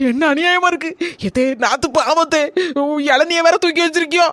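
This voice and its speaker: A woman's voice: very high voice, a little fast, fairly bright tone, dry recording. A woman with a Kanyakumari Tamil accent voicing cartoon comedy characters, exclaiming and comically exasperated. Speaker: voice artist doing cartoon characters.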